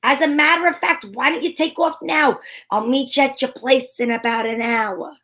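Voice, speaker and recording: A woman's voice: high voice, fairly even intonation, moderate pace, pushed and bright. A woman playing a sassy, wisecracking young lady detective who narrates in an arch, old-time radio comedy style. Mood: teasing, breezy.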